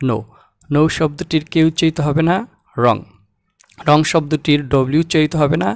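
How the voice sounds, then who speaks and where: Guy teaching pronunciation, kinda high voice, super dry close sound. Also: level tone, dry recording. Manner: repeats example words slowly and clearly. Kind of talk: slow, deliberate language lesson.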